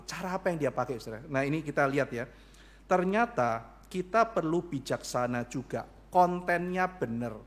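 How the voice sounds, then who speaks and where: A man pastor preaching a sermon, acting out dialogue in shifting voices. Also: medium pitch.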